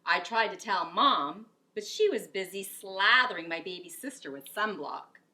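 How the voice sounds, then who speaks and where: A middle-aged woman reading a picture book aloud as a teacher, expressive and explanatory, with deliberate delivery. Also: mid-range voice. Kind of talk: expressive children's story reading.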